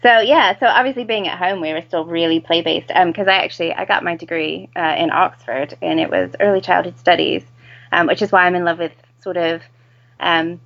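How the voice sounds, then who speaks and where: A woman's voice: fairly low pitch, vocal fry, dull audio. A woman in her thirties with an American accent, talking casually as an interview guest. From United States. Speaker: interview guest, home-educating mother.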